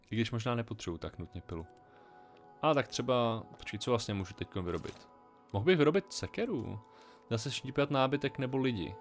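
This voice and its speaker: A man casually commenting on a game he plays, thinking aloud in a chatty, wry way. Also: mid-range voice. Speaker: let's play gamer.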